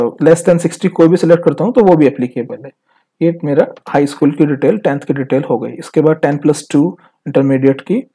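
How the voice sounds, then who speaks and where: This man's voice sits a little high and sounds mellow yet slightly rough, with an Indian accent. In an instructional tone he guides viewers through an informal screen tutorial step by step, blending in English phrases.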